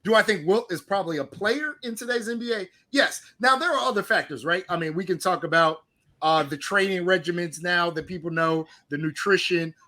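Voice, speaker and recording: A man with a high, bright, forceful voice, debating sports on a casual podcast. He argues hard but teases and laughs as he goes. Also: fairly quick. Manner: argumentative, teasing, laughs often. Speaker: podcast co-host.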